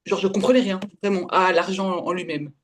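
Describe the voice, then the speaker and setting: Her voice sits on the low side with a steady tone, and a little hiss or hum is audible. She's a woman in her twenties from Belgium, a women's spiritual development guide appearing as a guest, giving a halting personal account in conversation, correcting herself and mixing in English words.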